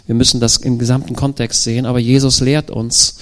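A man preaches to his congregation in an emphatic, searching voice. He keeps asking rhetorical questions and stretches out key phrases to give them weight. His voice sits at a mid pitch. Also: little pitch movement, a little fast. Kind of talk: sermon.

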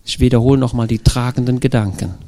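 A man's voice: mid-range voice, fairly even intonation, fast, mellow. A man preaching a sermon, asking the congregation rhetorical questions and drawing out the phrases he stresses.

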